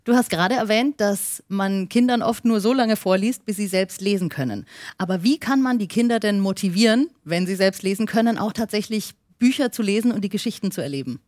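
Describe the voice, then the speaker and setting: A woman hosts a podcast in a friendly way, guiding the interview with clear questions. Her voice is mid-pitched and recorded dry and close. She sums up her guest's points plainly. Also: expressive, fairly quick, a little mellow, dry recording. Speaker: podcast host.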